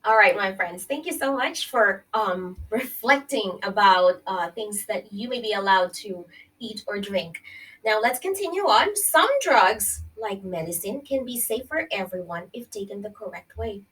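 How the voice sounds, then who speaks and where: Her medium-pitched voice is expressive, unhurried, and fairly bright as this woman teacher reads a health lesson to children, explaining, questioning, and checking in with "okay?" and "right?". The recording is low quality and distant.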